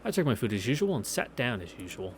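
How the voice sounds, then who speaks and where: Talking fast and sounding very animated, this medium-pitched man plays through a visual novel in a relaxed read-through. Video game music accompanies his wry asides, reactions, and stories.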